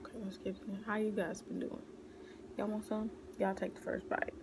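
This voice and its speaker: A young woman talks to her viewers in a hushed, whispery voice, casual and chatty, sprinkling in y'all. There's a steady hiss of background noise behind her in a home recording. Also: medium pitch, moderate pace. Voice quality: whispery, soft-spoken. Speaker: vlogger. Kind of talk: casual mukbang chat.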